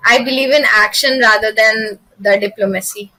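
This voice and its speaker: A woman's voice: fairly high pitch, fairly even intonation, normal speed, bright, forceful tone, poor audio. A young woman with an Indian accent answering as a job interview candidate, formal and deferential. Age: young adult.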